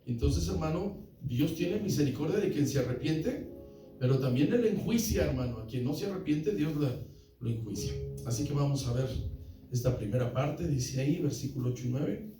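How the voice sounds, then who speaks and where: A man's voice: a little high, animated, normal speed. Echoey preaching man, guitar behind. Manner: keeps calling listeners "brother", asks the congregation questions. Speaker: pastor. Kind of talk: sermon. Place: church hall. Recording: echoey church hall, from far off.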